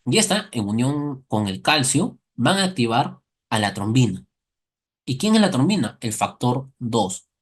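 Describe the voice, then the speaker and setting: This medical lecturer speaks unhurriedly in a slightly rough, medium-pitched voice with big pitch swings. Throughout the recorded class he asks his students questions and answers them himself, using playful everyday analogies.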